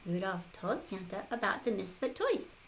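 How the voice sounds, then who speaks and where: A woman's voice: mid-range voice, sing-song, normal speed, a little hiss or hum. An older woman, a sweet old lady, reading a storybook aloud expressively as a grandmother, with playful asides.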